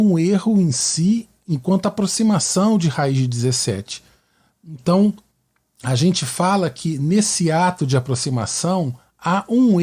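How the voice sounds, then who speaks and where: A man from Rio de Janeiro with a Carioca Brazilian Portuguese accent hosts a podcast and teaches mathematics, answering questions conversationally and didactically while often using tag questions to seek agreement. His voice is a little high, with a darkish tone and a breathy edge.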